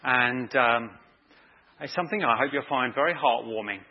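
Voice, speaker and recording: A man's voice: mid-range voice, normal speed, phone-quality sound. A man preaching an evening sermon in a chatty way, quizzing the congregation with questions.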